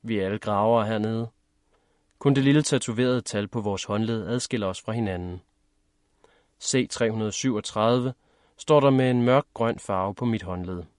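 A man narrating a first-person story in a measured, steady reading. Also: lowish voice, no echo, studio quality. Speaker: audiobook narrator.

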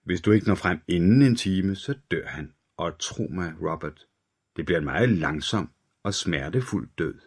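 A man voicing a menacing male killer with a metallic voice, speaking slowly and quietly in a taunting way. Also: sits low, expressive, breathy edge, exaggerated voice.

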